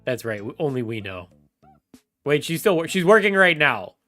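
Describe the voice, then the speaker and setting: A man with a fairly high voice chats loosely with his stream audience, wandering from thought to thought and breaking into laughter. Soft music plays faintly behind him. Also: very animated, moderate pace. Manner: rambling, laughs often, talks straight to chat. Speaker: game streamer. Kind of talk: casual livestream chat.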